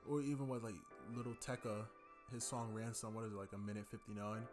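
A man's voice: on the low side, fairly even intonation, fairly quick, over music. A young man hosting a podcast, chatting loosely about an album, rambling with lots of fillers. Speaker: podcast host. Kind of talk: casual music review chat.

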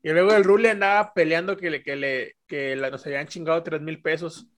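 A man's voice: a little high, steady tone, brisk, fairly bright tone. A man with a Mexican accent telling crude, slang-heavy anecdotes in a casual podcast chat and acting out the voices of the people in them. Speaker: podcast guest storyteller.

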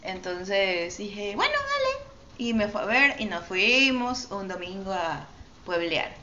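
A woman's voice: medium pitch, takes it slowly. A woman telling a personal story in casual chat, acting out the lines of the people in it. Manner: animated, acts out quoted dialogue. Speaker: podcast co-host telling a story. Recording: slightly dull recording with faint noise.

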